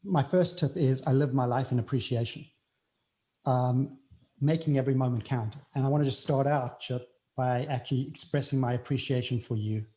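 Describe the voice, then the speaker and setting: A middle-aged man with a South African accent, speaking earnestly and deliberately in an interview, repeating key phrases for emphasis. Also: mid-range voice, mellow. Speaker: guest speaker. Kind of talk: reflective interview talk.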